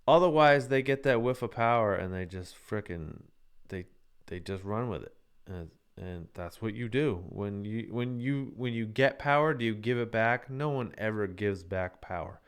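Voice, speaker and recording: A man's voice: on the low side, expressive, normal speed, clear, resonant tone. A man hosting a live-streamed show, talking casually and ranting in a heated, profane way. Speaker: livestream show host.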